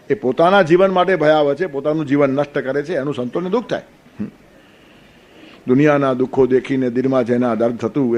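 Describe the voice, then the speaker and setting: A man's voice: fairly high pitch, darkish tone. A man giving a discourse on a sacred text, explaining with homely stories and counting aloud. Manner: storytelling with counting and playful asides. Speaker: spiritual teacher. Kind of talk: Gita discourse.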